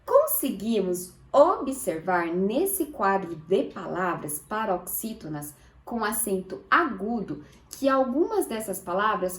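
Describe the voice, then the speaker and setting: Slow, lively Brazilian woman teaching children. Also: on the high side. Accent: Brazilian Portuguese. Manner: slow, syllable-by-syllable teacher talk with questions to pupils. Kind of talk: recorded lesson for children.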